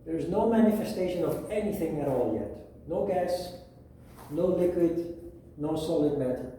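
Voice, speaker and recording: A man teaching a yoga philosophy lesson, explaining at a whiteboard in a measured way with pauses. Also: a little high, animated, mellow, slight background noise. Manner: slow, measured, with pauses and restarts. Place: room with a whiteboard. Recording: echoey room, mic at a distance.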